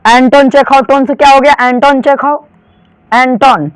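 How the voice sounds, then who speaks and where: A young man in his late teens with a Bihari Hindi accent, explaining exam memory tricks in a chatty, repetitive way and drawing out titles slowly. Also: very high-pitched, fairly even intonation, clear, resonant tone, no echo. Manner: chatty, repetitive, keeps calling listeners "babu", drags out titles slowly. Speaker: exam tutor.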